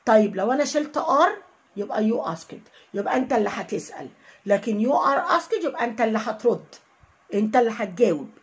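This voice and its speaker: An Egyptian woman teaching an online English lesson, repeating each English phrase slowly and then translating it. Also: a little high, lively intonation, breathy edge. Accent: Egyptian Arabic.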